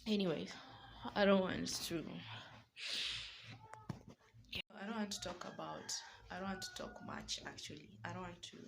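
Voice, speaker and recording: A woman's voice: fairly low pitch, fairly quick, creaky, slight background noise, poor audio. A woman with a Kenyan accent, vlogging emotionally from a small single room, pleading and sometimes dropping to a whisper. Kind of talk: emotional personal vlog.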